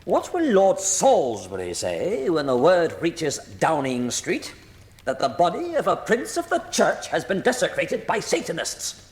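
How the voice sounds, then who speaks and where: An actor playing a grave, earnest and loyal British gentleman doctor who speaks formally and emphatically in a period radio drama. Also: on the high side, wildly swooping pitch, unhurried. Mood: urgent, insistent. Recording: long hall reverb.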